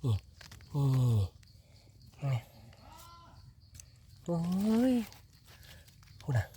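A man with an Isan Thai accent, narrating a casual foraging vlog in a forest and calling out excitedly to his viewers. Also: medium pitch, drawn-out words, slight background noise. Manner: excited exclamations, addressing viewers as brothers and sisters. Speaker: foraging vlogger. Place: forest outdoors.

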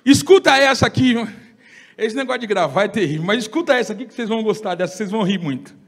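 A Brazilian pastor preaching a fiery sermon at a church congress, breaking into shouted bursts and acting out the voices he quotes. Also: high voice, expressive, quick pace, husky.

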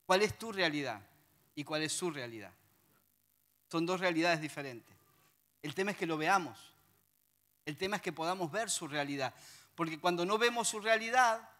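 A male preacher with a Rioplatense Spanish accent, giving a lively sermon that reads scripture aloud and adds humorous asides to the congregation. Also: high-pitched, moderate pace, long pauses.

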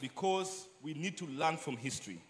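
A man preaching a sermon in a church, speaking in short phrases and pausing for an interpreter. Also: fairly high pitch, expressive.

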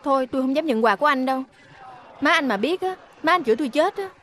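A woman's voice: sits high, lively intonation, fast talker, a bit bright. An actress playing a timid, polite young servant woman with a Southern Vietnamese accent. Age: young adult. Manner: meek, polite and apologetic.

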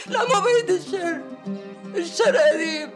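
Brief: a high, gravelly-voiced Syrian mother in tears, begging. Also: fairly even intonation, brisk, over music. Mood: sobbing grief. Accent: Syrian Arabic. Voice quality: sobbing, pleading, gravelly. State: crying. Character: anguished mother losing her grandson, desperate. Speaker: grieving mother in a TV drama.

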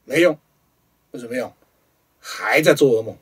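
A man with a Taiwanese Mandarin accent, hosting a studio show and telling a ghost story dramatically, jumping between loud rhetorical questions and hushed asides. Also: medium pitch, lively intonation, normal speed, slightly rough, recorded from a distance.

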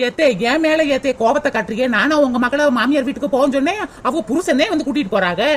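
A snappy sarcastic cartoon daughter-in-law. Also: female voice, high voice, lively intonation, fast talker, a little hiss or hum. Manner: sarcastic, complaining. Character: sharp-tongued grumbling daughter-in-law.

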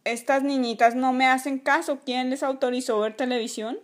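A woman's voice: high-pitched, fairly even intonation, moderate pace, close to an everyday voice. A woman voicing a strict, bossy toy father who scolds and barks orders in a toy play video. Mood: stern.

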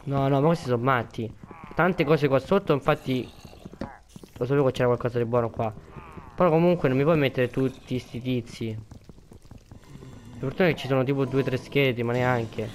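A man's voice: mid-range voice, a little fast, pauses often, slight background noise. A young man giving casual gameplay commentary, chatty and prone to panicked repeated pleading. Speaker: gaming video creator.

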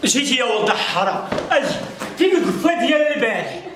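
A man playing an angry mother who scolds her grown son, with a Moroccan accent and sharp shouted rebukes. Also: very high-pitched, big pitch swings, fast talker. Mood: scolding. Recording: echoey room, far from the mic, noisy.

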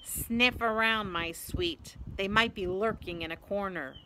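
A woman voicing a sly male caretaker who mutters slowly as he stalks students at night in a storybook. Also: medium pitch, background noise, close to an everyday voice. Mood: sly, menacing. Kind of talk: audiobook-style character voice.

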